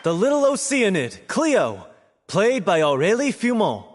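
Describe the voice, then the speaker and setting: A man voicing a charming young showman who announces a stage show and calmly soothes a friend, in a video game. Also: high-pitched, unhurried, a little hiss or hum, heavily acted. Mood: announcing.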